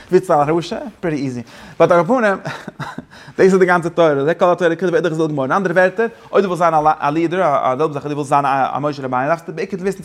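A man teaching a Torah class, switching between English phrases and his main language, with frequent restarts. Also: on the high side.

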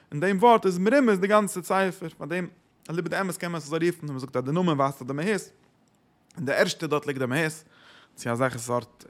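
A man's voice: a little high, fairly bright tone. Man teaching scripture, asking and answering himself. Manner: asks and answers his own questions. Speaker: Torah teacher. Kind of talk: religious text lesson.

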